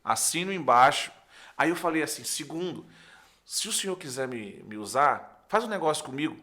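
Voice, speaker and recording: At normal speed and a fairly high pitch, a young man with a northeastern Brazilian accent tells his testimony as a podcast guest. He is a pastor from Recife and an animated storyteller who acts out the dialogue and often uses "né" to check in.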